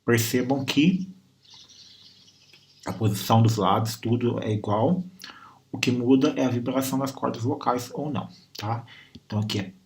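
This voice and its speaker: A man's voice: medium pitch, fairly even intonation, a little slow, pauses often. A Brazilian man teaching English grammar and pronunciation, patiently repeating sounds and words to demonstrate them. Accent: Brazilian Portuguese. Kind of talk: recorded class lesson.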